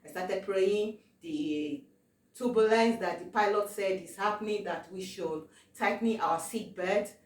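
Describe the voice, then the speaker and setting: Halting woman telling a testimony, roomy. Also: medium pitch. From Africa. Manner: halting, with many fillers and repetitions. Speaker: testimony vlogger. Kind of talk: personal testimony. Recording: roomy, distant from the mic.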